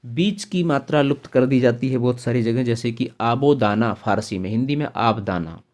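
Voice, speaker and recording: A man's voice: medium pitch, a little mellow. A man teaching a grammar lesson, reading out lists of example words one at a time. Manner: slow, listing word examples one by one.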